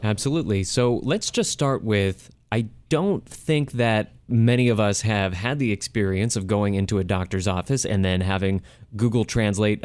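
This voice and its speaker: A man hosts a radio interview show, giving a scripted introduction and interview in a conversational yet emphatic presenter style. His voice is fairly low and a little mellow, recorded with no echo.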